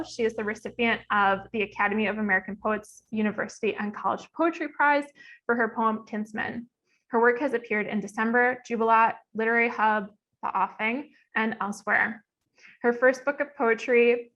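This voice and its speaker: On a muffled online video call, a woman with a fairly high, bright, pushed voice moderates an event. She introduces it and its guests informally and a bit hesitantly, partly reading out their bios.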